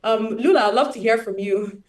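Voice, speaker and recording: A woman's voice: a little high, moderate pace. A woman hosting a panel conversation, enthusiastic and affirming toward her guests. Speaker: host. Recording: distant, roomy mic.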